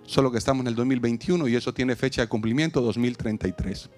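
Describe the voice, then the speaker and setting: A man, preaching an outdoor sermon as pastor, animated and humorous, acting out little dialogues and asking the crowd to repeat after him. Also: mid-range voice, quick pace, soft background music. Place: outdoors in a parking lot.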